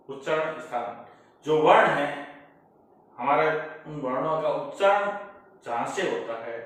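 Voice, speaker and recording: A man teaching a lesson, speaking slowly and deliberately and spelling out each part step by step. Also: medium pitch. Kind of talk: slow classroom lecture. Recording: echoey room, voice far from mic.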